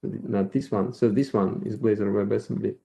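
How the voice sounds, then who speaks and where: A man with a Russian accent giving a live software demo at a meetup, thinking aloud with halting restarts. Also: lowish voice, level tone, creaky. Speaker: featured speaker at a developer meetup.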